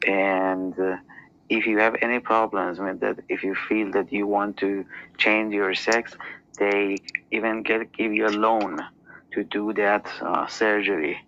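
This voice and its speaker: A low, gravelly man speaks haltingly in a casual podcast discussion, filling his pauses with hesitations and restarts. His tone is bright and forward. The audio is dull and lo-fi, with faint background noise. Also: level tone. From Iran. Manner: halting, with many fillers and restarts. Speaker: podcast guest.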